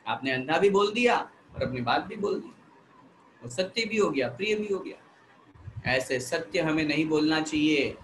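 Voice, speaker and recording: A man's voice: on the high side, fairly bright tone, roomy sound, a little hiss or hum, low-quality recording. A man giving a spiritual discourse to an audience, explaining by repeating phrases and asking rhetorical questions. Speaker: Jain religious teacher.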